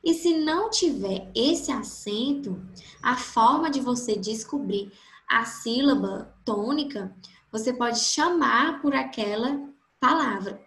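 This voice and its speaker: A woman teaching a grammar lesson, slowly stretching out each example word to show its stressed syllable. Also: on the high side, animated, a bit bright, reverberant. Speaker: Portuguese teacher.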